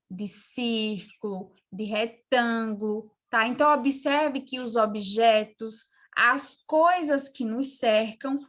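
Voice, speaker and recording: A woman teacher from Brazil explaining geometry in a remote class, calm and checking in with her pupils. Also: on the high side.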